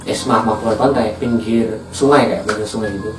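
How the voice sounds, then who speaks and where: A man's voice: fairly low pitch, steady tone, a little fast, recorded from a distance. A man casually telling a horror story in a chatty way, often speaking to listeners as guys. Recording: echoey room, off-mic, music behind.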